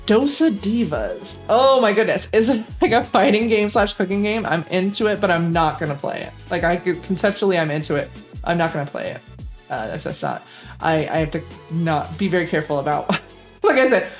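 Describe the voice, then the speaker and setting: Young woman, rambling gaming vlog chat, lots of uh and um, fairly low voice, faint music behind. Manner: rambling, chatty, many fillers and laughs. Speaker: gaming channel host. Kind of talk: casual gaming vlog commentary.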